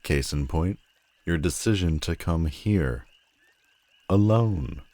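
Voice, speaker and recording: A man performs a sardonic, menacing telepathic supervillain in a very deep voice, world-weary and theatrical, in a scripted audio roleplay aimed at the listener. His mocking delivery is slow and deliberate with dramatic pauses, animated yet mellow. The recording is dry.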